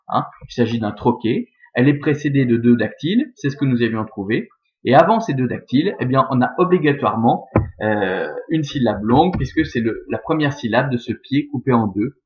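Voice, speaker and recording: A male teacher in a recorded lesson on scanning Latin verse works methodically step by step, often adding "hein" and "euh." His mid-range voice is animated and moderately paced, and the sound is dull and lo-fi.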